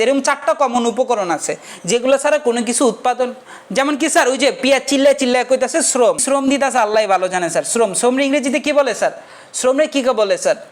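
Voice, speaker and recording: A male economics teacher, giving a casual, joking lecture and often checking that the class follows. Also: extremely high pitch. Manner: joking, keeps checking the class understands, asks rhetorical questions.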